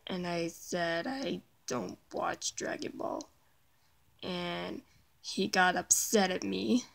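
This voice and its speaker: A woman speaking in an emotional confessional video, upset and with a cracking voice, talking in halting, broken phrases that sink to a near whisper. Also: fairly low pitch, vocal fry, a bit bright. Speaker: vlogger.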